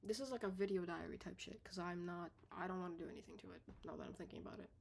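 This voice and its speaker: A young woman in her own bedroom, rambling in a casual, unedited video diary. She is out of breath, swears casually, corrects herself often and lets her sentences trail off softly. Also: lowish voice, very fast, creaky, slight background noise. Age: young adult. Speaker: vlogger.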